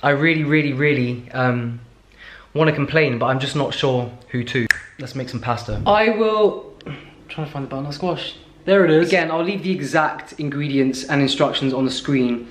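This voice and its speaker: A man's voice: mid-range voice, normal speed, slight background noise. A man in his thirties with a British accent, chatting casually and self-mockingly to a handheld camera in his home kitchen and living room. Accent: British English. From United Kingdom. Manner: rambling, self-mocking, talks straight to camera. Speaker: vlogger. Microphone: handheld camera at arm's length. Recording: echoey room.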